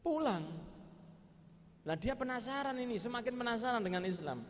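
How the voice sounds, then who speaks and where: An older man with an East Javanese accent telling a story as a preacher, mixing in Javanese phrases and acting out quiet dialogue. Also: very high voice, lively intonation, normal speed, slight background noise. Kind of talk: storytelling sermon. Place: large hall at a religious gathering. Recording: long hall reverb, faint ambience.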